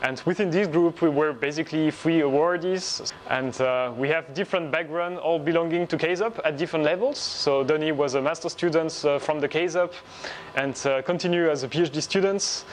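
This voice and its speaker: A man in his thirties explains his research from a laboratory, pausing often as he lays out ideas step by step. His voice sits a little high for a man. A faint hum of room noise sits behind him. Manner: measured, explanatory, frequent "uh" pauses. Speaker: research group leader. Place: laboratory indoors.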